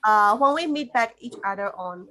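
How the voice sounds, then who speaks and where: A woman's voice: mid-range voice, lively intonation, moderate pace, pushed and bright. A woman teacher on a video call, patiently giving homework instructions and repeating the key points. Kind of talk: online class instructions.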